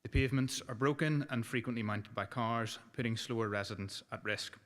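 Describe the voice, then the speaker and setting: A man's voice: mid-range voice, brisk, a bit bright. A male city councillor reading a residents' petition aloud in a formal way, with a few small stumbles. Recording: council chamber with long reverb.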